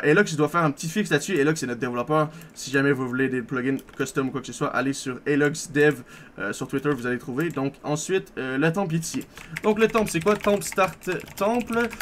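A young man gives a rapid, rambling tour of his game server. His voice sits a little high, and he keeps correcting himself with upbeat asides. Faint keyboard typing sounds behind him. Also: a bit bright, a little hiss or hum. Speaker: server owner giving a tour. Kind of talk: casual gameplay walkthrough.

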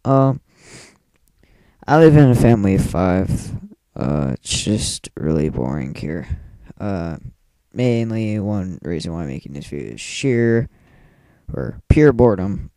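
A man's voice: sits low, big pitch swings, a little slow, warm tone, no echo. A thirteen-year-old boy rambling through casual live game commentary at home on a computer mic, with lots of ums and mumbled asides. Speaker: let's player. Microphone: computer mic, clipping when loud.

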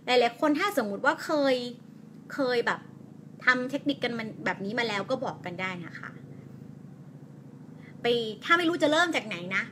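A woman English teacher with a Thai accent, giving a chatty, encouraging live lesson and reading aloud slowly with pauses at punctuation. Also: fairly high pitch, lively intonation, pushed and bright, a little hiss or hum. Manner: encouraging, chatty, answers viewer comments. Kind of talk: live-streamed language lesson.

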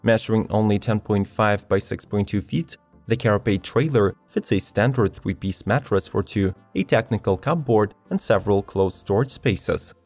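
A man narrating a scripted product video in an even, measured read of specifications. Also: on the low side, dry recording. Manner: even, measured reading of specs. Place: studio voice-over. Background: faint background music.

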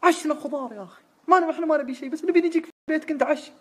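A man voicing an insistent, boisterous grand vizier, pushing loudly and coaxingly. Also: very high voice, racing, pitched above the performer's own voice. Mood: pushy. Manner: pushy, loud and coaxing.

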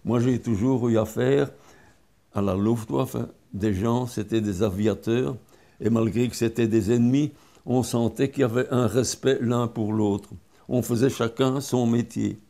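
An older man from Belgium, recounting his memories in an interview in a halting way, often restarting and repeating words. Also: medium pitch, fairly even intonation, gravelly, warm tone. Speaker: interviewee, former wartime pilot.

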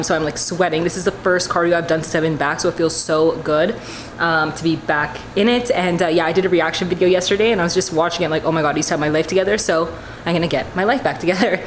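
A woman's voice: fairly low pitch, noisy background. A young woman from Canada chatting casually in a home vlog as a fitness coach, rambling with lots of fillers. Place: at home indoors.

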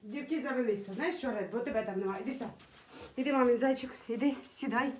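High-voiced woman cooing at her dogs. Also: fast. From Ukraine. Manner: cooing baby talk to dogs, with firm commands. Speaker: dog breeder. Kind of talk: casual talk to her dogs. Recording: roomy, from a distance, faint noise.

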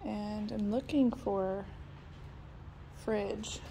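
A real estate agent films a casual walkthrough of a house under construction on a phone she holds herself, moving indoors and through the yard while thinking aloud with plenty of ums. Her mid-range voice is creaky and warm, with fairly even intonation and drawn-out words; the audio is poor, with slight background noise.

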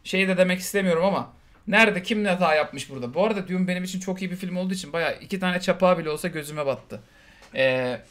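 Fast-talking animated man reviewing films. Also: high-pitched. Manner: animated, mimics characters in quick asides. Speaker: podcast co-host. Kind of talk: casual film review chat.

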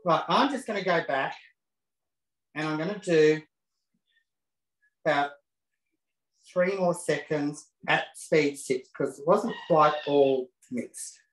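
Slow and pausing often, a man with a fairly high voice hosts an easygoing live cooking demo in his home kitchen while faint music plays behind him. He's camp and chatty with cheeky asides. A self-set camera records him, and the kitchen echoes around him.

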